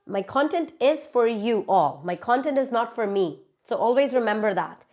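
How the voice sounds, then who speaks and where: Speaking at a moderate pace with lively intonation, this woman has a somewhat high voice with a darkish tone. She's an Indian YouTuber with a congested cold, casually hosting a live Q&A from her phone and reading out viewer comments to reply.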